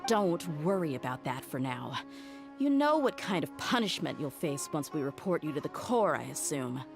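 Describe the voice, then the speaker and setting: A woman's voice: sits low, sing-song, normal speed, creaky, music in the background, exaggerated voice. An actress playing a tough, blunt mercenary woman in a video game, speaking in a curt, commanding, dry manner. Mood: confrontational. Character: tough, blunt female mercenary, cool and threatening. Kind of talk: scripted video game dialogue.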